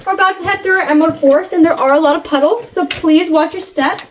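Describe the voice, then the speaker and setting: A woman's voice: extremely high pitch, fast. A woman giving a memorized guided tour talk, her voice echoing inside a cave. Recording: echoey cave, distant mic, faint noise.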